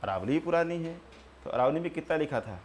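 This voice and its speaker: Male teacher, slow repetition. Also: fairly high pitch, lively intonation. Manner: repeats key terms slowly for students to write; asks the class questions and answers himself. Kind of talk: classroom geography lecture.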